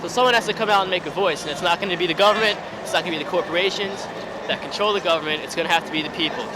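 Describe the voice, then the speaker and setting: A man at a protest listing grievances in an urgent, rapid-fire street interview. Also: sits high. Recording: noisy outdoor street.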